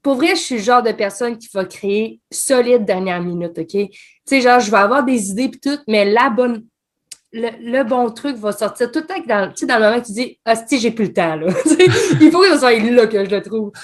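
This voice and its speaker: A young woman with a Québécois French accent, telling her story as a guest in a casual interview, animated and laughing often. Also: on the high side. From Quebec. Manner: animated, laughing often, quick colloquial talk. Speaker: guest, escape game designer.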